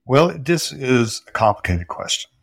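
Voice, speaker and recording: A man guest on a talk podcast, explaining history in a thoughtful, unhurried way with some hesitations and dry humor. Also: mid-range voice, sing-song, creaky, dry recording. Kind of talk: conversational interview answers.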